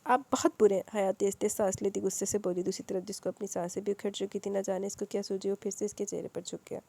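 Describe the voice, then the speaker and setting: A woman's voice: flat delivery, creaky, warm tone. A woman narrating a dramatic novel aloud, acting out the characters' lines with rising emotion. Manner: voices characters with raised emotional pitch.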